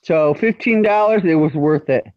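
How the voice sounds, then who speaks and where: A woman's voice: low-pitched, normal speed, no room sound, highs cut off. A woman chatting enthusiastically on a live stream, gushing about a new tool. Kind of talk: casual live stream chat.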